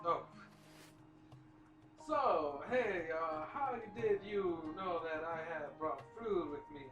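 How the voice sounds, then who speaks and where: A woman's voice: fairly low pitch, animated, slow, reverberant, far from the mic, lo-fi sound, faint music behind. A woman commenting alongside a game reading, with wry, laughing asides. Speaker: co-player commenting. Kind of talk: casual let's play chat.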